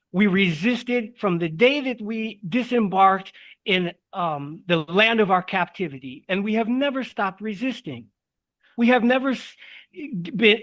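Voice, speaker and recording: A dull, lo-fi call recording carries a high-voiced man delivering fiery revolutionary oratory. He speaks as an activist at a rally, leaning on repetition and deliberate pauses, with very little room sound. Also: fairly bright tone, dry recording. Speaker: activist delegate and co-moderator. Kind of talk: political speech at an online rally. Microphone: remote video call. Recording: dull lo-fi online call audio.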